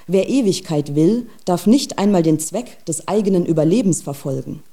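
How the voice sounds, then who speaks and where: A brooding woman scientist musing aloud, voiced by a woman in a radio play. Her voice sits a little low and sounds mellow and warm. She muses in a slow, philosophical way. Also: lively intonation, natural voice. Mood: pensive. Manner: pensive, philosophical monologue. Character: brooding adult woman scientist, grieving an absent lover. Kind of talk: radio drama.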